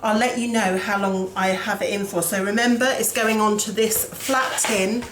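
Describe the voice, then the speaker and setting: A woman's voice: medium pitch, steady tone, moderate pace, reverberant, noisy background. A woman hosting a casual home cooking show, chatty and self-deprecating, talking as she works in her kitchen.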